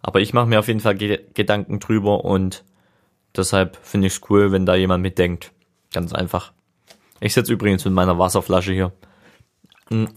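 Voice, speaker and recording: A young man hosting a solo podcast muses informally and reflectively, rambling as he thinks out loud while leaning back in his chair. He has a deep voice with a level tone, moderate pace and frequent pauses.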